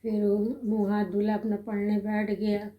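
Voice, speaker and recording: A woman's voice: medium pitch, monotone, normal speed, muffled recording. A middle-aged woman telling a family story as a mother, rambling and conversational, acting out the lines she quotes. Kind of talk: casual spoken storytelling. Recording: echoey room.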